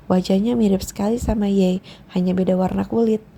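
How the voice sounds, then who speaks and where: A woman's voice: mid-range voice, steady tone, a little fast, creaky, warm tone, slight background noise, natural voice. A woman reading a cheerful older aunt in a storybook, gushing and affectionate.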